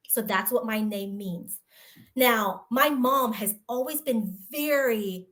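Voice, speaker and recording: Emotional, earnest woman telling her story. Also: fairly high pitch. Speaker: guest speech-language pathologist. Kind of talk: personal storytelling in an interview.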